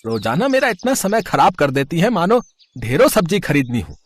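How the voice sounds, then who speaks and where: A man's voice: fairly high pitch, very animated, moderate pace. Cartoon story: fed-up vegetable seller, played by a man, grumbling. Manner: muttering complaints.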